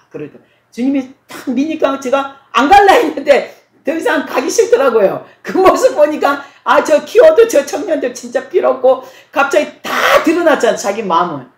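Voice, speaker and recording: A woman's voice: high voice, reverberant. A woman preacher giving a testimony sermon, telling her story dramatically and acting out the voices of the people in it.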